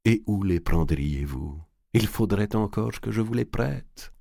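A man voicing a cold, calculating merchant who speaks in a cool, deliberate, cutting way. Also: on the low side, lively intonation, gravelly, mellow, dry recording, clean studio sound, pitched above the performer's own voice, full character voice. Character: cold calculating middle-aged male merchant.

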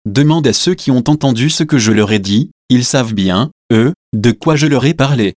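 A man reading the words of Jesus, a calm grown man facing death, in a slow, solemn scripture reading. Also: mid-range voice, no room sound, clean studio sound, lightly acted.

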